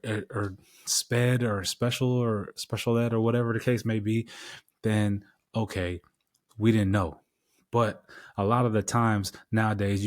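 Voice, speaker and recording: A man's voice: on the low side, a little mellow. A married man hosting his podcast, telling a story in a casual, rambling way with repeated phrases and casual swearing. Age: adult, married with daughters. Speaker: podcast host.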